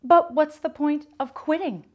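A woman's voice: sits high, measured pace, narrow, tinny audio, voice pushed up. A woman doing a patient, hopeful teacher. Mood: encouraging.

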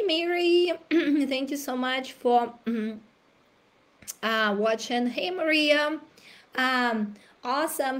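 Woman host, raspy from a cold, slow unhurried delivery, clears throat often. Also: fairly high pitch. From Russia. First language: Russian. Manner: frequent throat clearing and fillers. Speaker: challenge host. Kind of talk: live-stream coaching talk.

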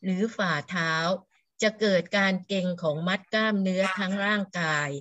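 A woman reading a scripture translation aloud for a monk's class, in a steady, measured way. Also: mid-range voice, no room sound, dull audio. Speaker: student reader.

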